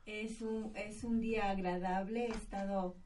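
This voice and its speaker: A woman's voice: medium pitch, steady tone, measured pace, mellow. A woman co-hosting a live radio show, her voice coming through a weak remote line that sounds faint and distant. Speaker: radio co-host. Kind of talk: casual live radio chat.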